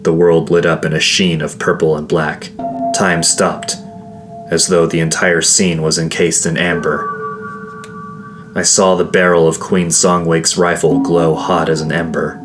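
A man narrates a first-person fantasy novel in a very deep voice. He reads slowly, in a grave and measured way. Soft guitar music plays faintly behind him. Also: flat delivery. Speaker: audiobook narrator.

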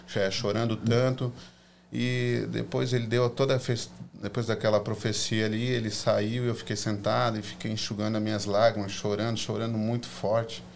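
A Brazilian man, a guest in a casual interview, telling his story in an animated, emotional way. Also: medium pitch, fairly quick, creaky, slight background noise.

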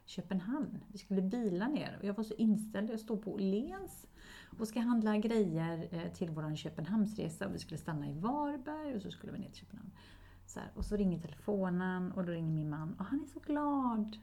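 A woman in her forties chatting casually as a podcast co-host, telling stories with laughter and acted-out quotes. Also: mid-range voice. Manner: lively storyteller acting out quotes with laughs. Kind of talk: casual chat.

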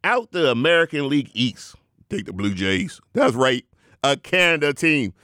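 Man, hype-style sports preacher, third-person talk, lively swooping pitch, dry close sound. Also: normal speed, dry recording. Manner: swings from low drawl to high excited bursts. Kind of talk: sports talk mixed with sermon.

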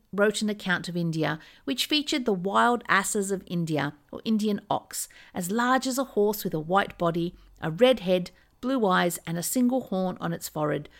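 Woman host narrating like a nature documentary. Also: mid-range voice. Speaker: podcast host.

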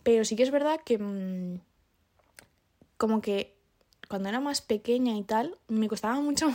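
A young woman from chats in a loose, confessional monologue. She is self-deprecating and laughs often, filling pauses with little hesitations as she talks through her thoughts. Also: fairly high pitch, mellow. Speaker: podcast host.

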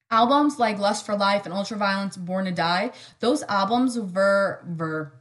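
A young woman talks through her solo podcast in loose, rambling chat. Her voice sits at a middle pitch, and she fills it with sarcastic quips, "like" and sudden side comments. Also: fairly bright tone. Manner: chatty and sarcastic, lots of "like" and quick asides. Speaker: podcast host.

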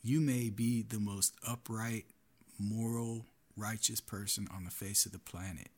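Husky low-voiced male podcast host. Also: steady tone, unhurried. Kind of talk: solo podcast commentary.

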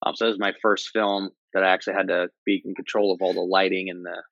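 A man speaking as a cinematographer guest, excitable and quick to laugh as he talks about his work. His voice sits at an ordinary middle pitch. The recording is dry with no room sound and somewhat dull and muffled. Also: no room sound. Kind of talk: casual chat.

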